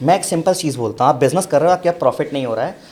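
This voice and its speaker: A man's voice: on the high side, expressive, very fast, darkish tone. A man speaking as a guest on a business podcast, giving emphatic, instructive advice and repeating his points in lists. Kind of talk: casual podcast interview, advice.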